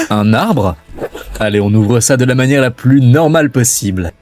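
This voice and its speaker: A young man narrating a toy unboxing in a playful, mock-excited way. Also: medium pitch, measured pace, no echo, soft background music.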